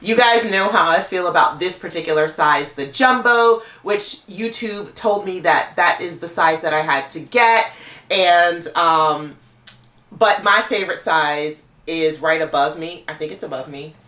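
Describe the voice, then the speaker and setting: A woman's voice: on the low side, unhurried, sharp tone, roomy sound. A woman talking casually to camera as a luxury handbag YouTuber, chatty and full of "like" fillers.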